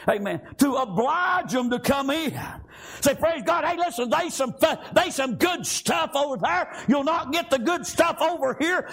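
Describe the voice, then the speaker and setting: A very high-pitched man shouts a fiery revival sermon inside a church, punctuating his lines with "amen" and "praise God."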